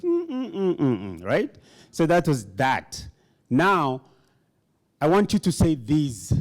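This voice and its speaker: A man's voice: mid-range voice, a little mellow. A man giving a rousing conference speech in a hall, emphatic, leading the audience in call-and-response chants. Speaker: motivational speaker.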